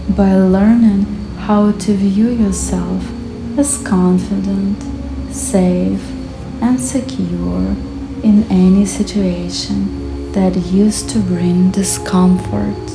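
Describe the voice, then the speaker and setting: A woman guiding hypnosis in a slow, calm, soothing hypnotist voice, with long pauses between short phrases. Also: mid-range voice, gravelly. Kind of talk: slow guided hypnosis narration. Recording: echoey voice over background music. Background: music.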